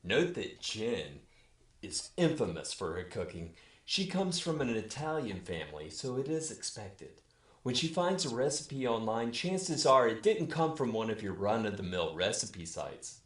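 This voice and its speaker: A low-voiced storyteller who appears regularly on a webcast narrates a scripted comic tale in the first person, very animated and a little slow. He adopts a mock-formal bedtime-story delivery, and the recording sounds roomy and echoey.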